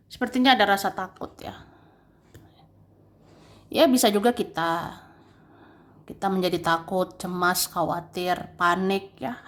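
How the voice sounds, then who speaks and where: A woman giving a casual tarot reading, chatty and gently advising, tagging her sentences with a soft "ya" and laughing between phrases. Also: mid-range voice. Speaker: tarot reader.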